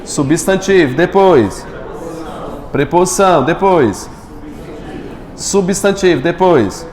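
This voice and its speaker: A man's voice: fairly high pitch, lively intonation, slow, darkish tone. A man teaching a live grammar class, quizzing his students and answering his own questions. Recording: echoey room with long reverb.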